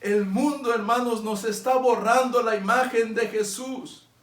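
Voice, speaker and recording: A man's voice: very high-pitched, steady tone, a little slow, fairly bright tone, reverberant. A man preaching a sermon as pastor, earnest and pleading, asking his listeners many direct questions. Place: church sanctuary.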